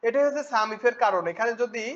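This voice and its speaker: A man teaching a spreadsheet class, often asking students quick check questions. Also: very high voice. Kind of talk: spreadsheet tutorial. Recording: dull lo-fi recording with faint noise.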